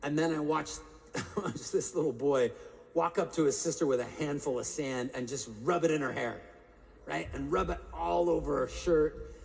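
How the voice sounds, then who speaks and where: A man giving a live motivational keynote, animated and quizzing the crowd with questions. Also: on the high side, moderate pace, gravelly. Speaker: motivational speaker. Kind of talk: live keynote talk to an audience. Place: large conference hall. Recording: live hall with long reverb.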